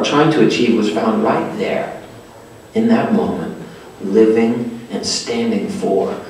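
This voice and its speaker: A man telling a personal story in a sermon to religious teachers, animated and self-deprecating. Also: medium pitch. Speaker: speaker addressing religious teachers. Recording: echoey hall from far off, faint noise.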